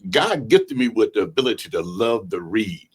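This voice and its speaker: Older man with a low voice, reminiscing. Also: expressive, husky. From Southern United States. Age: 70s. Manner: storytelling, unhurried, chuckles now and then. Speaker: guest. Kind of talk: reminiscing interview talk.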